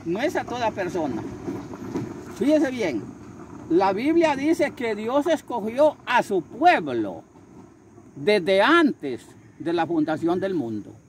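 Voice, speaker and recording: An older man, a street preacher, telling his story in a husky voice with fervent repetition and acted-out voices. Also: sits high, very animated, takes it slowly, slight background noise. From Honduras. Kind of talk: storytelling interview.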